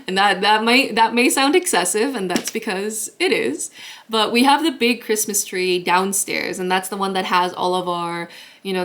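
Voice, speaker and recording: A woman's voice: medium pitch, a bit bright. A young woman vlogger from Guatemala chatting to camera in a bubbly way, laughing often as she talks. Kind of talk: casual chat to camera.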